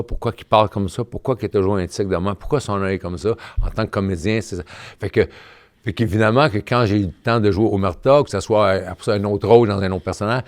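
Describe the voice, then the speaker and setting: A middle-aged man with a Québécois French accent, a guest telling stories in a casual interview, full of fillers and restarts. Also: fairly low pitch. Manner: animated storyteller with many fillers and restarts. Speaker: guest, boxer turned actor.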